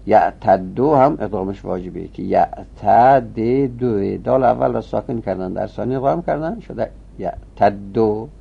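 A man teaching a grammar lesson, chanting verb conjugations in a rising sing-song and dropping to a low mutter when he explains. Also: creaky, breathy edge. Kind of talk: recorded Arabic grammar lesson. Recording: muffled low-fidelity recording.

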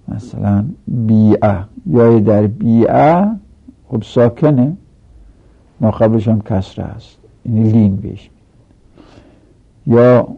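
A man with a gravelly, husky voice teaches a grammar lesson from a textbook. He goes through each rule slowly and backs it up with one example after another. The recording sounds dull and lo-fi. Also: fairly low pitch, mellow. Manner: explains step by step with repeated examples.

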